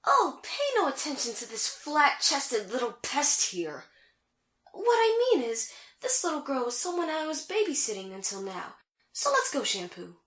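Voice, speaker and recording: A woman puts on a vain, grand sorceress for an anime comedy. The voice sits high and swings dramatically up and down, haughty and easily worked up. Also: very animated, moderate pace, fairly bright tone. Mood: indignant, haughty. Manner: theatrical, haughty. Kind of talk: comedic fan audio drama acting.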